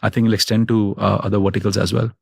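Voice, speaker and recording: A man's voice: on the low side, level tone, fast talker, gravelly, slightly rough, dry recording. A man as an interview guest, giving thoughtful conversational answers and often tagging "right?" and "you know". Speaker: guest, fintech executive.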